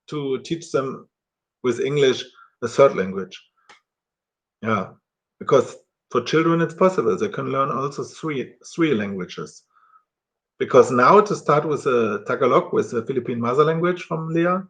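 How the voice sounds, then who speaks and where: A middle-aged German man talks casually to camera in halting, self-correcting English with a German accent. His voice is mid-range.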